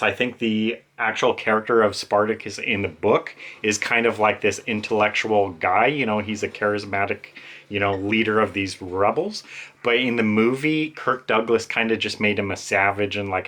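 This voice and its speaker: A man's voice: lowish voice, pushed and bright. A young man in a casual, rambling book haul vlog, hesitant and full of fillers. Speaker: book vlogger.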